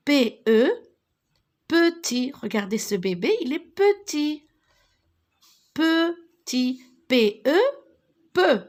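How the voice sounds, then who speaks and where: Woman, early-reading teacher, drawn-out syllable drills, voice pitched a little high. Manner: slow, syllable-by-syllable spelling and repetition. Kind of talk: reading lesson for young children.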